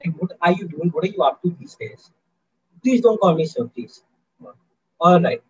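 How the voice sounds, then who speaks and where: Brief: high-pitched man leading a student workshop, upbeat and coaxing, muffled lo-fi call audio. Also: expressive, normal speed, slightly rough. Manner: upbeat, coaxing, keeps asking the audience. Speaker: guest speaker in a student workshop. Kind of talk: interactive online lecture.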